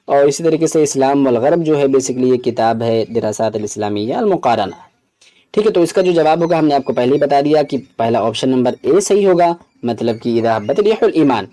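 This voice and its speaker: A man's voice: medium pitch, mellow. A man teaching an exam preparation lesson, walking through answers and explaining them step by step, with English terms mixed into his talk.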